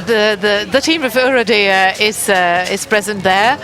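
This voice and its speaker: A woman's voice: mid-range voice, fairly even intonation, measured pace, a bit bright, soft background music. A woman giving live sports commentary in an encouraging, exclaiming way, often repeating her phrases. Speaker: live event commentator, also relaying a translator's words.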